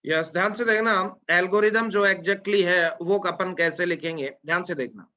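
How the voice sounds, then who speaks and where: A man teaching an online class, drawling out formulas slowly and often checking that his students follow. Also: high-pitched, bright, forceful tone. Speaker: lecturer. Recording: dull lo-fi lecture audio.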